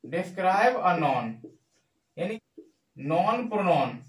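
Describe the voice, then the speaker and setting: A man teaching English grammar in Hindi, repeating key phrases slowly and answering his own questions. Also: sits high, sing-song. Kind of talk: classroom-style grammar lesson in Hindi. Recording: echoey room.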